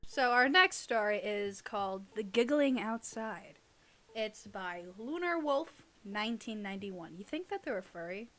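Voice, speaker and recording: With a medium-pitched, somewhat bright voice, a woman speaks in an animated but measured way as she co-hosts a casual reading of online horror stories. She keeps up playful, teasing banter with her co-host.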